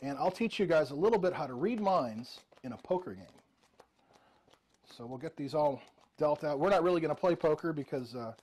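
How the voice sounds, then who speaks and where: A man's voice: a little high, animated, brisk, a little mellow. A middle-aged man performing jokey, interactive mind-reading magic patter as a showman, addressing participants by name. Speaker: virtual magician and mentalist. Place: indoor room with bookshelves, video call.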